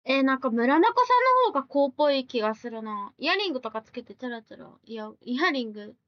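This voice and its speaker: A woman's voice: sits high, very animated, dry recording, highs cut off. A woman live streamer chatting casually, reading viewer comments aloud and firing back blunt, teasing retorts. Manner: blunt, teasing retorts mixed with quick questions.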